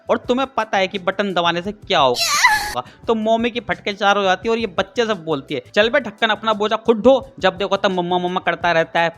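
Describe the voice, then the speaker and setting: A man's voice: high-pitched, a bit bright. A man narrating a comic recap in a cheeky, crude way, talking straight to his viewers. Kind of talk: casual comic story recap.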